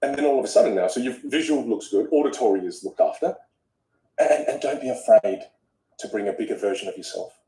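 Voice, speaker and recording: Animated Australian man, mellow voice. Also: lowish voice, fairly quick. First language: Vietnamese. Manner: animated, emphatic storyteller. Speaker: guest, speech coach. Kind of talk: casual conversation. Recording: roomy echo.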